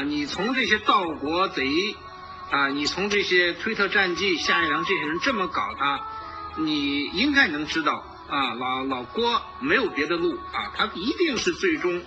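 A man's voice: fairly high pitch, muffled recording. A man giving informal political commentary as a host, emphatic and repeating his phrases.

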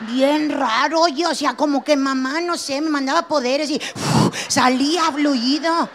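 A woman's voice: sits high, a bit bright, a little hiss or hum. A middle-aged woman with a northern Mexican accent doing a brash stand-up comedy monologue, acting out a scolding mother. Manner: brash, quick-switching, acts out scolding mother.

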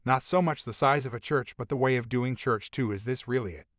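A man reading a first-person book aloud in a steady, measured way, with conversational asides. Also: medium pitch, no echo, clean studio sound. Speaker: audiobook narrator. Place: voice-over.

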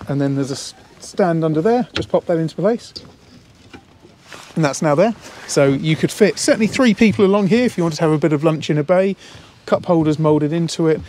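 A slightly high-voiced man in his thirties walks a camera through a boat outdoors at a marina. He talks with enthusiasm, repeating words and dropping in fillers as he points things out. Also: darkish tone, slight background noise. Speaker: boat salesman. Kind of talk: walkthrough tour. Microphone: handheld camera, speaker walking around it.

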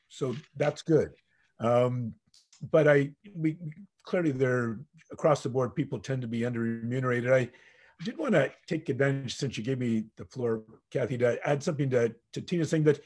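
Male doctor panelist, husky voice, stop-start delivery, computer mic. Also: mid-range voice, darkish tone. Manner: halting, self-correcting restarts. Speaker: physician panelist. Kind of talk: answering questions on a webinar.

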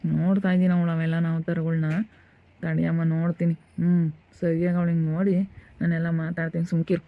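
A man's voice: a little high, completely flat delivery, fairly quick, dry recording, lightly acted. A man playing a stern, fed-up village father who grumbles and complains. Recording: tinny phone-like dry recording.

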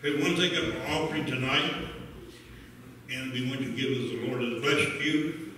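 A man's voice: mid-range voice, normal speed, bright, forceful tone, a little hiss or hum. A man leading a church service, exhorting fervently with frequent hallelujahs and then praying. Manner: fervent, exclamatory, punctuated with hallelujahs. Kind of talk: spontaneous church exhortation and prayer. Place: church sanctuary. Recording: echoey hall, distant mic, congregation. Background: congregation calling out responses.

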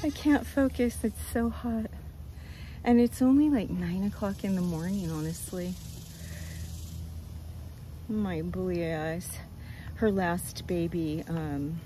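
An older woman chatting casually outdoors on her farm, talking gently and rambling as she loses her train of thought. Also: fairly low pitch, slight background noise, poor audio. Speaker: goat rancher. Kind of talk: casual farm vlog chat.

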